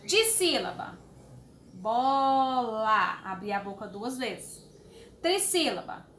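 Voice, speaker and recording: A woman teacher explaining a homework sheet to young children, slowly and patiently, with fond little words. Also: high voice, expressive, bright, forceful tone, slight background noise. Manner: slow, patient, uses diminutives. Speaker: schoolteacher.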